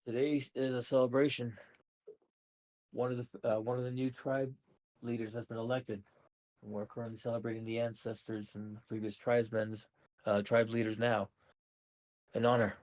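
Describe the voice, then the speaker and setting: A man narrating a tabletop role-play as game master, halting with many fillers and restarts. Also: mid-range voice, level tone, a little mellow.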